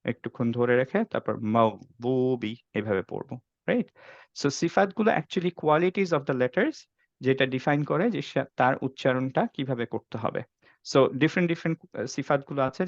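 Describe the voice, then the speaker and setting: This muffled, roomless recording features a medium-pitched man teaching Quran recitation online. He speaks Bengali blended with English, modeling letter sounds with patience and frequently checking understanding with "okay?" during the tajweed lesson.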